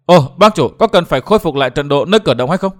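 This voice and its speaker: A man voicing a blunt, simple-minded young male martial disciple in an audiobook, speaking loudly and stammering when he gets flustered. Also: a little high, lively intonation, fast talker, close to an everyday voice.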